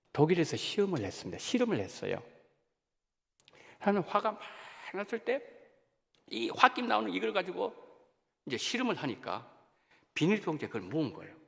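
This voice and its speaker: A man preaching a sermon in a church sanctuary, his fairly high voice swinging up and down as he stresses points. His words ring out with a long hall reverb around them. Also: gravelly, breathy edge. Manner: animated preaching, rising and dropping sharply for emphasis. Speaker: senior pastor.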